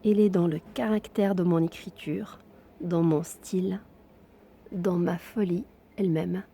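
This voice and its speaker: A woman giving an expressive, intimate reading of a literary text, her voice sometimes dropping to a whisper. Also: fairly low pitch, normal speed, husky. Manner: hushed, intimate delivery that drops into whispers.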